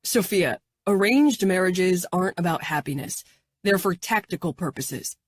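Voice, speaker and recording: A woman's voice: lowish voice, expressive, normal speed. A woman voicing a stern, guarded young man who talks in a matter-of-fact way. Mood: firm.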